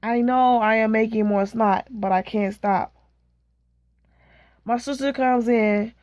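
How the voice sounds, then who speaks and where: A woman reading a novel aloud in a slow, measured way, stopping now and then to chat casually. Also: a little high, steady tone, darkish tone, no room sound. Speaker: reader.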